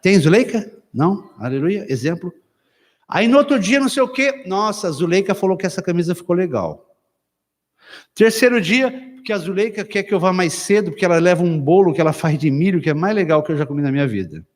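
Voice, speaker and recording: Lively, humorous preacher with a high voice. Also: male voice, fast. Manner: lively, humorous, acts out dialogues. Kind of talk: sermon. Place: church hall. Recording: long church hall reverb.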